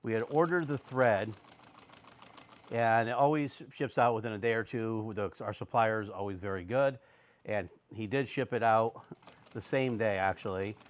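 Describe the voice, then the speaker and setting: Hoarse, low-voiced New man rambling. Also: moderate pace. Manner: rambling, conversational, lots of fillers. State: hoarse, recovering from illness. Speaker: custom motorcycle seat maker. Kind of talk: casual workshop vlog talk.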